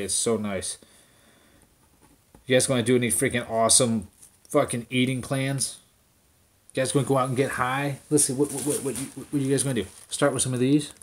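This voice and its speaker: A man ranting casually to his viewers in a vlog, stoned and relaxed, cursing constantly and rambling from one idea to the next. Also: mid-range voice. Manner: profane, rambling, addressing viewers directly. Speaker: vlogger. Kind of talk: casual rant to camera.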